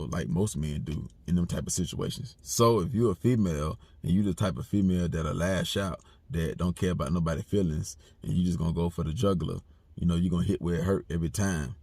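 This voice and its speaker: A man's voice: low-pitched, brisk, creaky, warm tone, husky, no room sound. A man giving a blunt, repetitive, streetwise commentary monologue. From United States. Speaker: commentary channel host.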